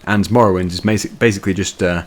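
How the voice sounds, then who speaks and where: Chatty gamer with a low voice. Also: male voice, fairly even intonation, fast talker. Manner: chatty, rambling, laughs easily. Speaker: let's play gamer. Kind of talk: casual gameplay commentary.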